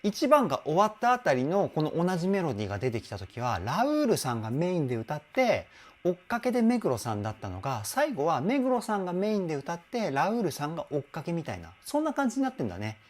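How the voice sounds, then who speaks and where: A man's voice: fairly high pitch, wildly swooping pitch, fast talker, few pauses. A man working as a vocal trainer, chatting enthusiastically in a casual commentary, with hums and interjections. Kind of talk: casual music analysis commentary.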